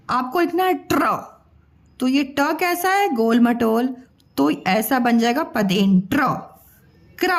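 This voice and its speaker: A woman teaching young children, spelling out sounds syllable by syllable and repeating each word patiently. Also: sits high. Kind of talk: slow spelled-out children's lesson.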